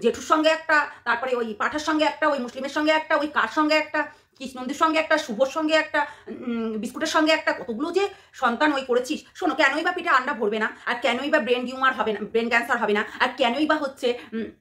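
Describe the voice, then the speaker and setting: A woman scolds and taunts her viewers in a fast, repetitive vlog rant. Her voice is high and sharp-edged, and she speaks at a rapid clip. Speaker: vlogger. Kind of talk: angry rant to camera.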